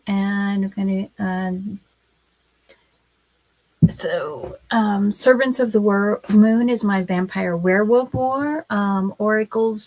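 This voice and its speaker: A woman with a cold leads a casual writing livestream. Her mid-range voice, scratchy and a little mellow, comes out slowly and haltingly with lots of pauses, and there's no echo in the recording.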